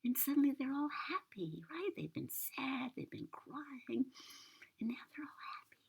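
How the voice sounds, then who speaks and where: Breathy, creaky, sweet older American grandmother. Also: sits high, very animated, unhurried, dull audio. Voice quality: breathy, husky, often near whisper. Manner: sweet old lady, gentle, addressing a child. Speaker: grandmother reading a children's book. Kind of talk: storytime read-aloud with chatty asides.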